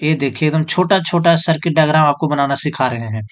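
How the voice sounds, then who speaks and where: A man's voice: fairly high pitch, fairly quick. A male teacher who explains step by step, asking questions and answering them himself. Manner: repetitive question-and-answer teaching, "jo hai so" filler. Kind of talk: whiteboard lesson.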